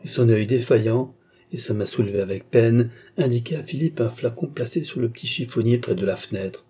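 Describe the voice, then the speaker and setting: A man reads a classic novel aloud for an audiobook, telling the story at a measured pace. His mid-range voice is warm and husky.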